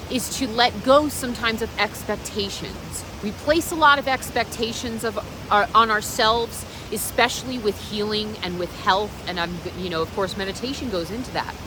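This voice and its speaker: Encouraging woman vlogger, noisy outdoor recording. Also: mid-range voice. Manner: encouraging, addresses viewer directly. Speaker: vlogger and meditation practitioner. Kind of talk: unscripted reflective vlog talk. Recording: clear steady background noise.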